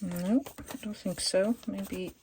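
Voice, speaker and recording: A woman's voice: medium pitch, fairly even intonation, takes it slowly, darkish tone, a little hiss or hum. Chatty woman crafting at her desk. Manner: chatty, rambling, thinks aloud with many fillers. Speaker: junk journal crafter. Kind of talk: casual crafting chat.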